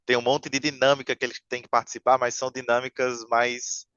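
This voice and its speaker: A man rambles through a story in a relaxed podcast chat, piling on fillers and restarts. His voice is smooth and resonant. The sound is dry and a little muffled. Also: medium pitch, fairly quick, no echo. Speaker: podcast guest. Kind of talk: casual chat.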